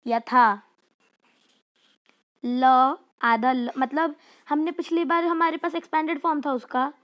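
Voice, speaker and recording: A woman leads a lesson. Her voice sits high, and her delivery is unhurried. She spells out each word with care, then talks through the steps like a patient tutor. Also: fairly bright tone. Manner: carefully spells out words one by one, then explains in a chatty teacher's way. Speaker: Sanskrit teacher. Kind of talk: classroom lesson explaining exercises.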